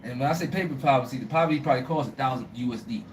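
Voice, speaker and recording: Fast-talking New York man, emphatic. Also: medium pitch. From United States (born in Brooklyn to Liberian parents). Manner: animated, emphatic, laughs often, repeats words. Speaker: guest, travel show creator. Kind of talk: casual interview chat. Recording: distant mic with faint ambient noise.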